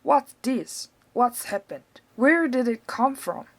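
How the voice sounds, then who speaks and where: A woman voicing an excitable, easily worked-up father who shouts loud excited exclamations. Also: fairly high pitch, takes it slowly, pitched above the performer's own voice, full character voice. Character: excitable small fussy father.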